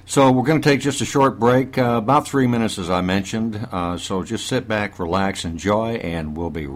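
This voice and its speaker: A man's voice: fairly low pitch, normal speed. A man hosting a casual animal webcast, speaking in a folksy way to "folks" and often restarting his sentences. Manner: folksy, addresses listeners as folks, frequent restarts. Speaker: host.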